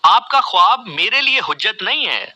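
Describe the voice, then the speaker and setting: A man's voice: high voice, very animated, moderate pace, sharp tone, poor audio. A man, a radio host giving an earnest, reflective monologue full of pleading rhetorical questions. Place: radio studio.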